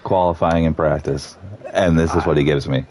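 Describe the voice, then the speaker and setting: A man commentating live on a sim race, reading out the starting grid in a relaxed, joking way. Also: a bass voice, moderate pace.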